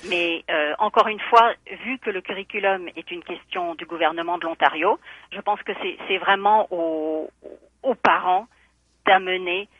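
A woman running for school board speaks by phone in a radio interview, earnest and thoughtful but using many hesitant fillers. Her voice is fairly low at normal speed with no room sound, over a tinny phone line.

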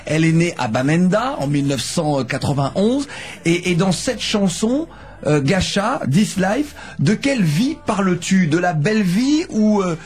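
Husky, higher-voiced male radio host. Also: a little mellow. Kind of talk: radio interview hosting.

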